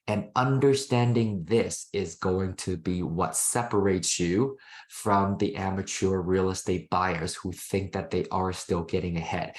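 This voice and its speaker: A man with a sick voice hosting a solo real estate finance talk, earnest and persuasive, listing points in quick runs. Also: sits low. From Canada. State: sick, rough voice. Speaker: real estate educator and show host.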